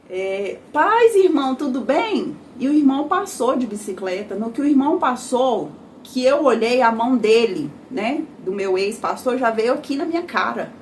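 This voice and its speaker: Emotional Brazilian woman with a higher voice. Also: darkish tone, slight background noise. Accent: Brazilian Portuguese. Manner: emotional, frequent filler tags like "né" and "sabe". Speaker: personal testimony narrator. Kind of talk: personal testimony, conversational storytelling.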